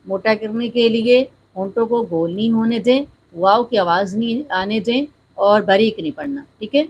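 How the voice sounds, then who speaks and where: A woman teaching Quran recitation step by step. She explains each sound, demonstrates with slow drawn-out recitation, and keeps checking in with the listener. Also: fairly high pitch, dull audio, a little hiss or hum.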